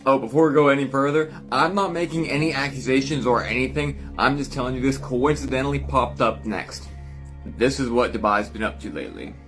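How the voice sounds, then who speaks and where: A man with a medium-pitched voice talks directly to viewers in a casual explainer style. Faint music plays behind his conversational delivery. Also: brisk, fairly bright tone. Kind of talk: casual social media explainer.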